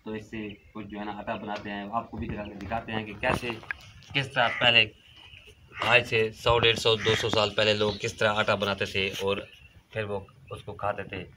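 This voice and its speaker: A man's voice: fairly low pitch, little pitch movement, normal speed. Middle-aged man, village vlog host, chatty, reflective, outdoor courtyard, birds behind, noisy recording. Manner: chatty, reflective, many fillers. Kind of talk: casual family vlog talk. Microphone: camera at a few meters. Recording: outdoor recording with background noise.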